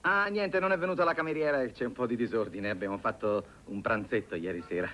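An actor playing a panicky, blustering young lover who talks excitably and mutters asides to himself. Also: male voice, mid-range voice, fast talker, lightly acted. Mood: frantic. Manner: frantic, excitable, mumbling asides. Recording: noisy old film soundtrack.

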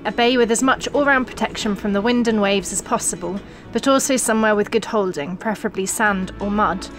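Woman, scripted voice-over, calm, measured, music behind. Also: medium pitch. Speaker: narrator. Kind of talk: scripted narration.

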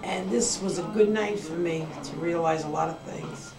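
A woman's voice: on the low side, normal speed, noisy background. An older grandmother in a family home-video interview, talking in an earnest, sentimental, rambling way, heard on an old VHS tape. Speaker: grandmother interviewed by her son. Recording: echoey, distant camcorder mic with music behind.

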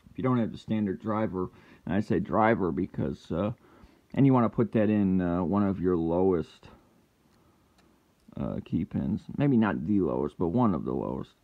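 A man's voice: sits low, expressive, moderate pace, phone-quality sound. A man hosting his own hobby channel, talking casually and half to himself as he works through a task step by step, with an occasional frustrated outburst. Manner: muttering to himself while working, with sudden frustrated yells. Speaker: lockpicking hobbyist channel host. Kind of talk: casual hands-on commentary.

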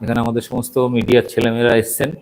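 A man's voice: medium pitch, completely flat delivery, quick pace, a little mellow, poor audio. A middle-aged man doing a walking video report, hesitant and full of fillers, showing viewers around a small restaurant. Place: outside and inside a small restaurant.

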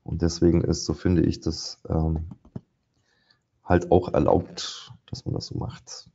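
Deep-voiced man talking through trading charts. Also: completely flat delivery, slow pace, vocal fry, dark tone, slightly rough, highs cut off. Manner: loose, thinking aloud with many fillers. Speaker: trader presenting a live trading session. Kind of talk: live market commentary over screen share.

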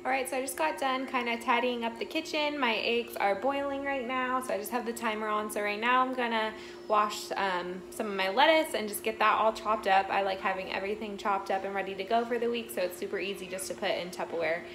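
A woman's voice: mid-range voice, steady tone, a little fast. A young woman in her twenties vlogging from her kitchen into a handheld phone, chatty and upbeat, with asides to her toddler. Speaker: vlogger and mom. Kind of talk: casual vlog talk to camera. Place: home kitchen and living room. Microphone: phone camera held at arm's length. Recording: echoey room with music.

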